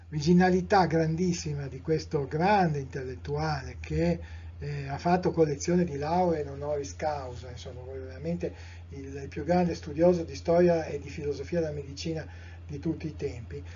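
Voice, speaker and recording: A middle-aged Italian-accented man delivers a live lecture, speaking in a measured, discursive way and often turning to his listeners with rhetorical questions. His voice is dark, mellow and strongly husky, sitting a bit high for a man. The live recording sounds dull and lo-fi. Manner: measured, discursive, with frequent fillers and self-corrections.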